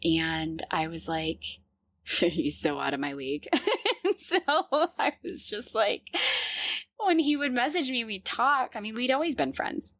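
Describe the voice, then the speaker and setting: A woman's voice: medium pitch, very animated, a little slow, a bit bright, no room sound. A woman in her thirties hosting a podcast, telling her personal story in a candid, earnest way and laughing often. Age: 30s. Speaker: podcast host.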